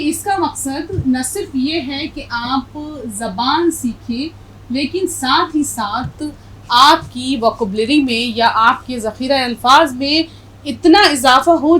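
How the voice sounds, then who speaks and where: A woman's voice: sits high, fairly bright tone, rough recording. A middle-aged woman teaching a language lesson, patiently spelling out letters and stressing correct pronunciation. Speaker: Urdu teacher.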